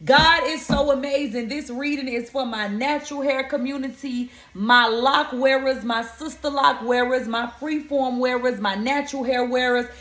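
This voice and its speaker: A woman's voice: high voice, steady tone, normal speed, hardly any pauses, fairly bright tone. A young woman from Florida, an oracle card reader talking straight to her viewers, indignant and scolding, calling them y'all and honey. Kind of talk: spiritual video monologue. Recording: echoey room.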